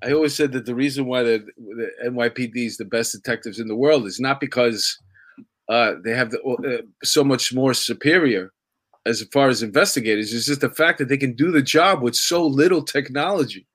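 A man's voice: mid-range voice, brisk, fairly bright tone. A man, a former detective hosting a podcast, rambling and laughing as he tells stories. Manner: rambling, laughing, full of restarts. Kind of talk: casual podcast chat.

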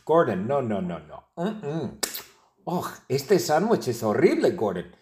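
A fussy male food critic who hums, groans and whines over every bite, played by a man. His voice rises high and swoops widely as he complains, and it drags along slowly. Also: very animated, darkish tone. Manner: hums and groans while tasting, whiny complaints.

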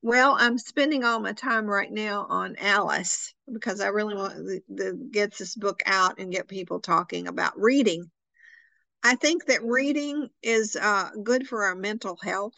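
Creaky-voiced woman with an Arkansas accent. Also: mid-range voice, measured pace, sharp tone, no echo, low-quality recording. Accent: Arkansas Southern American. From Arkansas, United States. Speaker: author interviewed about a book. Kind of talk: conversational storytelling interview.

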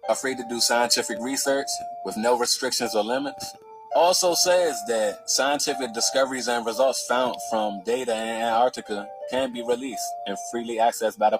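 Skeptical man narrating over clear music. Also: mid-range voice, rough recording. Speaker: video narrator. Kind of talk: explanatory commentary.

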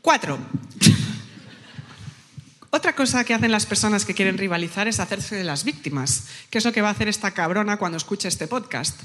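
A woman hosting a live comedy podcast on stage, talking in a lively, mocking way. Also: medium pitch, a little fast. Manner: lively, mocking, mimics others in quotes. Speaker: podcast host. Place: live stage before an audience. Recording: long hall reverb.

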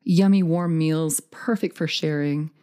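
A woman's voice: sits low, fairly even intonation, unhurried, dark tone. A woman hosting a scripted dating advice podcast, speaking in an upbeat, tidy, encouraging way like an advice vlogger. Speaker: podcast host.

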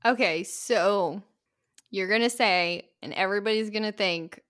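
A woman's voice: medium pitch, unhurried, a bit bright. A woman in her twenties hosting a podcast, chatting casually and laughing often. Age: 20s. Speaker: podcast host. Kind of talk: casual chat.

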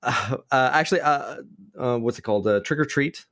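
A man chatting casually as a podcast guest. He swears freely and tells stories with lively energy. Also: medium pitch, a little fast. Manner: swears freely, laughs easily, animated storytelling. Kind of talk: casual chat.

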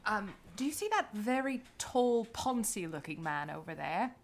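A silver-tongued, overly courteous schemer who wraps every request in halting pleasantries, as a woman plays her at the table. A faint hum of noise runs underneath. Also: mid-range voice, animated, close to an everyday voice. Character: polite, formal, scheming woman negotiator.

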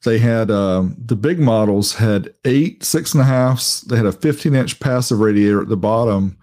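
A man appearing as a guest on a live audio podcast, explaining gear and plans in a relaxed way and sometimes unsure of the details. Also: on the low side, moderate pace. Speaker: podcast guest, co-host of another show. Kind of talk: casual podcast chat.

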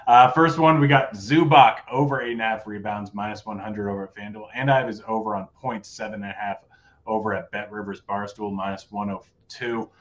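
A man with a lowish, steady voice hosts a live sports betting show, chatting loosely, cracking jokes and quickly running through his picks. His voice is going hoarse, and the recording has its highs cut off.

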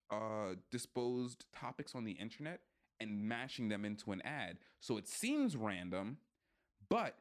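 A man co-hosting a podcast in casual chat, blunt, profane and animated, joking as he goes. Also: mid-range voice. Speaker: podcast co-host.

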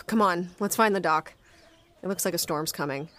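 An actress playing a brisk, blunt young woman who leads a team of investigators in an audio drama. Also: fairly low pitch, a bit bright. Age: young adult. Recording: clear outdoor dockside noise behind.

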